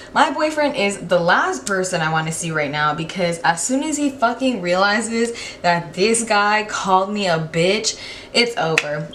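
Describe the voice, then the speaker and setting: Profane, animated young woman storyteller. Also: medium pitch, a little hiss or hum. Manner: animated, profane, many fillers. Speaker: YouTuber telling a story. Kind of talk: casual storytime vlog.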